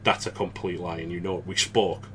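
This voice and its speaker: Bright-voiced chatty podcast man. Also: low voice, fairly even intonation, slight background noise. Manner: chatty and rambling, quick to laugh. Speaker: podcast co-host. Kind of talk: casual gaming podcast chat.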